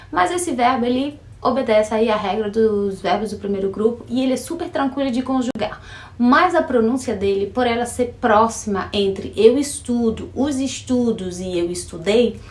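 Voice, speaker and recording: A woman with a Brazilian Portuguese accent teaching a casual video lesson, chatty, slowly repeating words to model their sound. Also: on the high side, darkish tone, reverberant. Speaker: French teacher.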